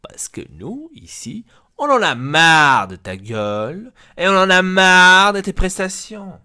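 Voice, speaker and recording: A man's voice: mid-range voice, sing-song, unhurried, a bit bright. A man voicing a blunt, crude male football club boss who scolds his players, in an Italian accent. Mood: scolding.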